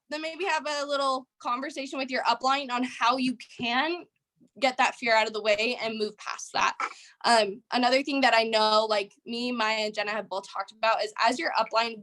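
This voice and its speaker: A woman's voice: on the high side, moderate pace, sharp tone. A young woman leading a team training call, giving a casual motivational talk with a chatty, rambling way of speaking full of "like" and "um". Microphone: video call.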